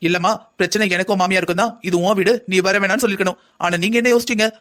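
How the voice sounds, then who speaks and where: A man's voice: high-pitched, steady tone, rapid-fire, fairly bright tone. A man voicing a family quarrel in a cartoon drama, talking in a heated, argumentative way. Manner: heated, argumentative back-and-forth. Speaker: cartoon voice actor playing a whole family.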